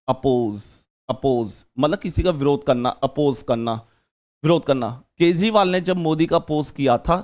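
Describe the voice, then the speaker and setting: A man teaching an exam-prep vocabulary lesson, chatty and joking, repeating key words as memory tricks. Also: a little high.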